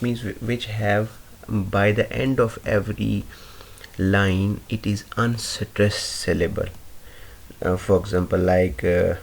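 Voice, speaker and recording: Male teacher, low gravelly voice, slow and halting, talks through a poem's rhyme and meter. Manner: hesitant, many fillers and self-corrections. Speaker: literature teacher. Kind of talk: informal poetry analysis lesson.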